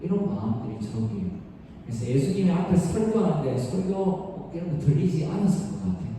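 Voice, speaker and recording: A pastor preaches to young people in a conversational, informal sermon, blunt and slangy, with acted-out quotes and frequent rhetorical questions. His warm voice sits on the high side, swings widely in pitch, and moves fairly quickly. The distant mic picks him up in an echoey hall with faint noise.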